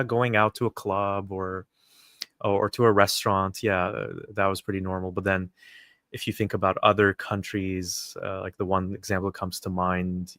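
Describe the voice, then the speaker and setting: A man from Dubai, a guest on a casual livestream chat, talking in a relaxed, hesitant way with many fillers. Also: deep voice, dry recording, clean studio sound.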